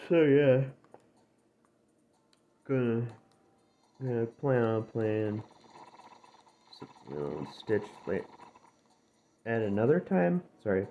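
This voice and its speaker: A gaming channel host speaks slowly in a medium-pitched voice with lively intonation and long pauses, his tone dry and gravelly since he has only just woken up. He rambles, corrects himself and hops between topics, recorded as tinny, slightly noisy phone screen-recorder audio.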